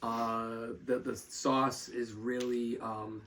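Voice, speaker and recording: A man's voice: mid-range voice, flat delivery, slow pace, a bit bright, a little hiss or hum. A man co-hosting a casual pizza review podcast, often stammering and restarting his sentences.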